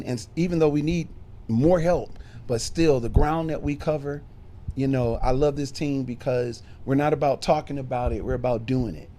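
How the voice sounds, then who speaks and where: A man's voice: medium pitch, mellow. A middle-aged man, a minister born in Chicago and raised in Detroit, telling his life story in a casual podcast interview with frequent fillers. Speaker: bishop and minister.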